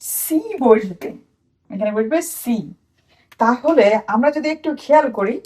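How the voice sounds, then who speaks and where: A woman with a Bangladeshi Bengali accent teaches a children's phonics lesson. Her voice sits fairly high, and she repeats each sound slowly so the children can copy it. She is a little far from the mic. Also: a little mellow.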